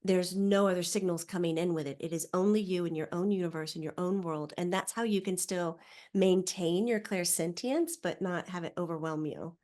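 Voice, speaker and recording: Animated woman explaining psychic ideas. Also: lowish voice, normal speed. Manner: animated, acts out quoted voices. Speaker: psychic medium guest. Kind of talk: casual podcast chat.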